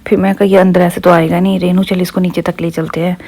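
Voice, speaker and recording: Young woman, husky low voice, flat casual voice-over narration. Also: quick pace. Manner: recounting events, quoting others. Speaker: vlogger narrating a clip.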